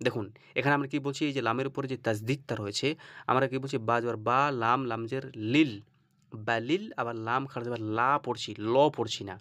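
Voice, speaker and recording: A man teaching Arabic letter pronunciation in a patient, repetitive way, often checking that students follow and stretching out example words slowly. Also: mid-range voice, fairly bright tone, no room sound, clean studio sound. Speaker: Quran reading teacher. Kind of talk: instructional video lesson.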